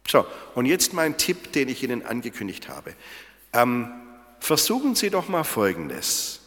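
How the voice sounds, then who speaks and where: Male preacher, chatty sermon, unhurried, echo of a large hall. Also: mid-range voice, fairly bright tone. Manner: conversational, asks listeners questions. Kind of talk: sermon on a Bible verse. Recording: long hall reverb.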